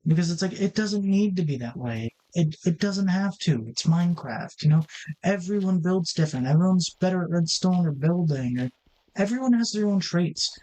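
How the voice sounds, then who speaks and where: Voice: medium pitch, expressive, moderate pace, warm tone, rough recording. A gaming channel host giving casual gameplay commentary, rambling and correcting himself as he thinks aloud at a desk mic.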